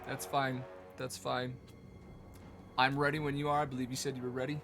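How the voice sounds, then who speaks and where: A young man hosting a casual game stream, playful and teasing, with bursts into a high squeak. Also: level tone, fairly quick, music in the background. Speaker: streamer host.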